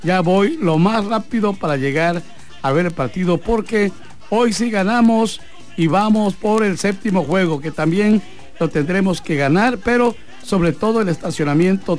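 A man's voice: sits high, a little slow, faint music behind. A Mexican man hosting a sports radio show from a radio booth, chatting and reading out listener messages. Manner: chatty, reads messages aloud and adds advice.

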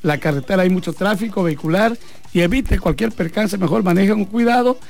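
A man's voice: high voice, brisk, gravelly, darkish tone. A Mexican man hosting a sports radio show from a radio booth, chatting and reading out listener messages. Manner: chatty, reads messages aloud and adds advice.

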